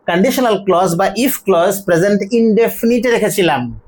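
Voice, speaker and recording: A teacher working through a grammar and pronunciation lesson at a steady, patient pace. The voice walks through each step, poses questions and answers them, and stretches out the example words slowly so every sound can be heard. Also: medium pitch. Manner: explains step by step, asks and answers own questions; says model words slowly and drawn out. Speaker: English teacher.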